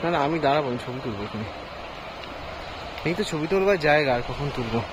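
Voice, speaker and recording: A man narrating a casual travel vlog outdoors, exclaiming excitedly at the scenery. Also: medium pitch, fast talker. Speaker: travel vlogger. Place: outdoors on an island trail. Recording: outdoor noise behind the voice.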